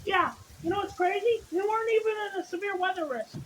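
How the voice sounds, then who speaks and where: A woman giving excited live storm commentary, prone to shouting and whooping. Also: extremely high pitch, fast. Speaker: amateur storm chaser filming a video. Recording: noisy outdoor storm recording with rain. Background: rain and storm ambience.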